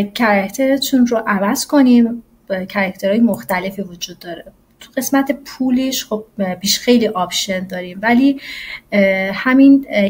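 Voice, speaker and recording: A woman's voice: medium pitch, a little mellow. Woman, English teacher, screen-recorded tutorial, casual explaining, frequent fillers.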